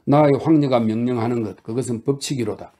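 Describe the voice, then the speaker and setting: A man playing a stiff, pompous gentleman. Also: mid-range voice, quick pace, natural voice. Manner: formal, courtly, broken phrasing. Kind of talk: audiobook character reading.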